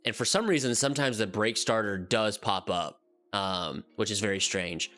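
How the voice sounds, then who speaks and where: In casual game commentary, a man with a cold-stuffed, nasal voice rambles through a build walkthrough for his gaming channel, often saying um and restarting. His voice is on the low side yet fairly bright, with lively intonation at a moderate pace.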